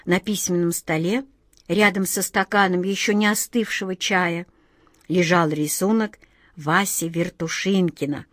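A woman narrating a children's storybook in a calm, expressive reading. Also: on the low side, a little slow, dry recording, clean studio sound.

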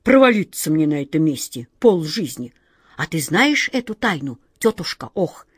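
A woman reading a storybook and voicing an eager, gullible man who pleads excitedly and loudly. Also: low voice, moderate pace, husky, no echo, clean studio sound, full character voice.

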